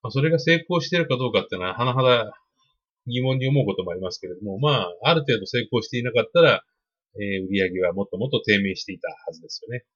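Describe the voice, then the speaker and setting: A middle-aged man speaks in a relaxed, polite advice monologue, explaining his points at length with many fillers. His voice is a little husky and sits in an ordinary middle range. The recording sounds dull and lo-fi. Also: mid-range voice, quick pace. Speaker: podcast host on email marketing. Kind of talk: casual spoken advice monologue.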